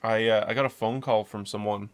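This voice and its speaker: A man's voice: on the low side, fairly even intonation, a little fast, clear, resonant tone. A young man co-hosting a podcast, telling a rambling, swearing anecdote in casual chat. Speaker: podcast co-host.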